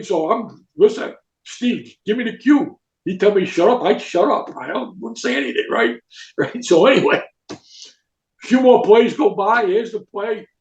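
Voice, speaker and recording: An older man, a retired football coach, telling rambling, animated stories in a podcast interview and tagging lines with "right?" and "okay?". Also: high-pitched. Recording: echoey room, dull lo-fi sound.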